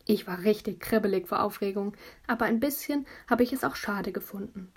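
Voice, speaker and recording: This is a woman's medium-pitched, husky voice reading a children's audiobook a little fast. Her storytelling is lively, and she tells it the way a child would.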